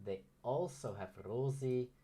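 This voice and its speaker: A man's voice: mid-range voice, measured pace, dark tone. Young man commentating a card game. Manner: casual, rambling, with many fillers and laughs. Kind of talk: livestream commentary.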